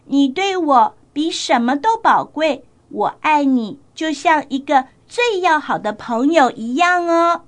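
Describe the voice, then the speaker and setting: A woman's voice: high-pitched, lively intonation, unhurried, hardly any pauses. A woman voicing a sweet, polite little girl in a children's storybook tale, speaking politely and pleading. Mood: tender. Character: sweet, polite little girl who loves her lamb.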